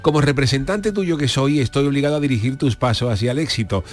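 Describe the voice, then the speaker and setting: A man voicing a pushy, greedy talent agent in a radio comedy sketch, with a rapid salesman patter. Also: medium pitch. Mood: wheedling. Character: pushy fast-talking male talent agent.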